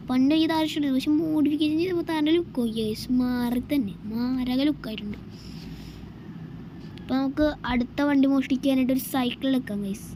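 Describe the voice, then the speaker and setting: A woman's voice: sits high, background noise. A woman with a Malayali Kerala accent gives casual game commentary, mixing English words into Malayalam and often addressing viewers. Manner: addresses viewers repeatedly, repeats phrases. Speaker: gaming YouTuber.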